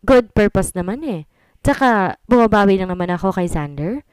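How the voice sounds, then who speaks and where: A woman's voice: mid-range voice, expressive, normal speed, darkish tone, clear, resonant tone, dry recording, close to an everyday voice. A woman voicing a jovial young husband who jokes casually with his friends in a storybook reading. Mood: joking. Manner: joking, casual banter.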